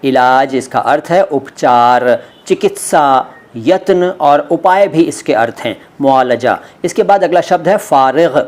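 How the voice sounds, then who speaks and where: Man slowly teaching word meanings. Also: a little high, a little mellow. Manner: slow, careful pronunciation drills. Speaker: language teacher.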